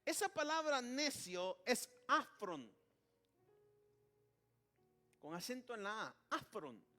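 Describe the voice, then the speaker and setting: A man's voice: extremely high pitch, sing-song, takes it slowly, pushed and bright, soft background music. A man preaching a sermon in Spanish, who keeps calling out to the congregation and praising Jesus, with many restarts. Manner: repeats "hermano" and "alabado sea el nombre de Jesús", with many restarts.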